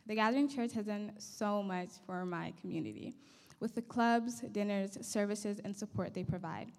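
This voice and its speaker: Her medium-pitched voice has some vocal fry and a little mellowness, moving at normal speed. This young adult from Somalia reads an earnest thank-you speech from notes into a handheld mic as a church hall guest, with long reverb around her.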